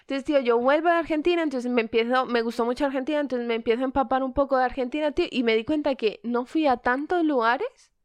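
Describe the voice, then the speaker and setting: A woman's voice: high voice, fast, smooth, no room sound. A woman, chatting casually on a podcast and acting out the dialogue in her stories. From Spain. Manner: animated storyteller, acts out quoted dialogue. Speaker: podcast co-host. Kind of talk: casual chat among friends.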